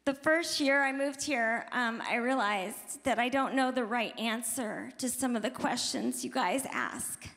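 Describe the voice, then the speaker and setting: A woman's voice: fairly high pitch, a little slow, few pauses, a bit bright. A woman in her forties doing a chatty, self-deprecating stand-up comedy set at a conference on a handheld microphone. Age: 40s. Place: women's conference hall. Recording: reverberant hall sound.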